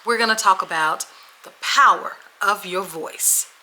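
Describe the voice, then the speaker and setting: A woman's voice: mid-range voice, measured pace, bright, forceful tone, rough recording. A woman from Washington State co-hosting a casual chat, telling a personal story and checking in with her listeners as she goes. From Washington State, USA. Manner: chatty storyteller, often checks in with "okay?" and "y'all". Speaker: podcast co-host.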